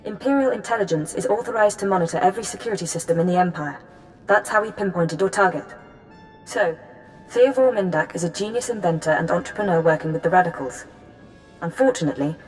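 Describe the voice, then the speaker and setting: An efficient intelligence handler in a video game, played by a woman. Her voice is a little low and her delivery clipped and businesslike. Soft music runs behind her. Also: a little fast, natural voice, poor audio. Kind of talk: scripted game dialogue.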